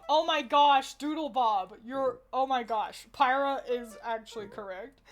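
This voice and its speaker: Woman streamer, higher voice, loose and giggly casual chat with her audience. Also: slow pace. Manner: rambling and giggly, laughs often between thoughts.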